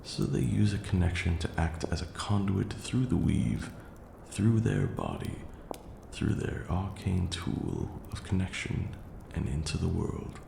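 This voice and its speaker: In this ASMR roleplay, a male actor voices an arrogant yet patient vampire lord who lectures like a self-important tutor of magic. His low, gravelly voice is slow and deep, broken by long deliberate pauses, and carried in a sing-song, full character voice. Background hiss and roomy echo are plainly heard.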